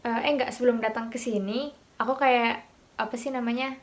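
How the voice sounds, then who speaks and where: Chatty, fairly high-voiced woman vlogger. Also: fairly quick. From Indonesia. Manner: chatty and relaxed, thinking aloud as she explains. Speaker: vlogger teaching pronunciation. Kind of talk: casual explanatory vlog.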